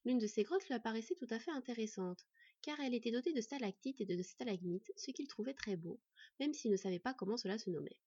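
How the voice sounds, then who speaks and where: Husky woman reading a fantasy tale. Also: on the high side, no echo. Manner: steady, measured reading. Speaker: storyteller. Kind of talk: fantasy audiobook narration. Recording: dry, slightly dull recording.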